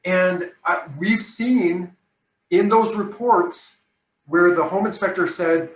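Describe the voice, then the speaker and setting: A man, a roofing contractor, talking casually in a conversation, often checking agreement with a quick "right?". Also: high-pitched, recorded from a distance, slight background noise. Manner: chatty, tags statements with "right?". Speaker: roofing contractor hosting the talk. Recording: roomy sound from off the mic.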